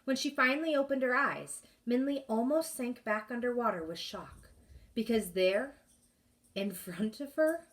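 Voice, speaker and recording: A woman teacher reading a chapter book aloud to her class, expressive and pausing to ask questions. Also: on the high side, far from the mic.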